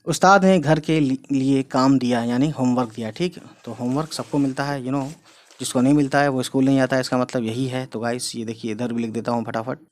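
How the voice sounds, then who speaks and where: A man's voice: mid-range voice, fairly even intonation, a little fast. Man teaching a chatty lesson. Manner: explains word by word, repeats "theek hai" often. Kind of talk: casual classroom lesson.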